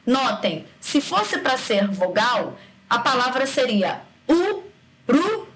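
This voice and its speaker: A woman teacher talks through a recorded grammar lesson with a fairly high voice. She drags syllables out slowly to demonstrate sounds, then keeps checking in with her students. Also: expressive, a bit bright.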